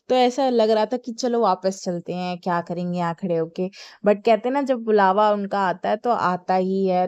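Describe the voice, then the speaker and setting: Young woman, casual vlogger. Chatty, filler-heavy, tired. Smooth voice, dry recording. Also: medium pitch, darkish tone, no echo, muffled recording. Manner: chatty, with many fillers and English words mixed in. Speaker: travel vlogger. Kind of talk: casual vlog narration.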